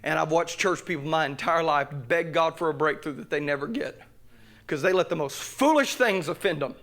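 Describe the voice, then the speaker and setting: Young male pastor, fervent sermon delivery with humor, high and sharp tone. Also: normal speed. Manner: fervent, joking, swings from loud preaching to quiet asides. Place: church sanctuary.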